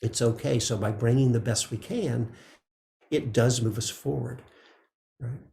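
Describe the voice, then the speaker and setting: A man teaching meditation in a relaxed, conversational dharma talk, often checking in with "right?". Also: mid-range voice, unhurried, vocal fry, reverberant, a little hiss or hum. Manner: gentle, conversational, frequent "right?" asides.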